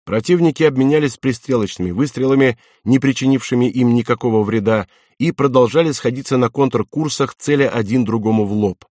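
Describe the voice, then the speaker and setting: A man reads a war novel aloud as an audiobook narrator, steady and measured. His voice is of middling pitch and sits close to the mic in a dry, dead space. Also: dry recording.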